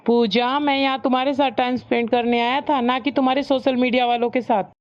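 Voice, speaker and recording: Woman doing a cartoon husband scolding his wife, high voice, kinda muffled. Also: steady tone, fairly quick, a little hiss or hum, close to an everyday voice. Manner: scolding, lecturing. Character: stern young husband, fed up with wife's phone. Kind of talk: cartoon story dialogue.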